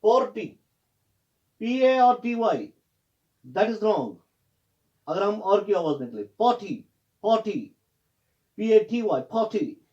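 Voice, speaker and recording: A man's voice: sits high, sing-song, slow pace, pauses often, dark tone, muffled recording. A man teaching pronunciation in Hindi, spelling words out letter by letter and correcting common mistakes. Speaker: English teacher. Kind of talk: classroom lesson on pronunciation.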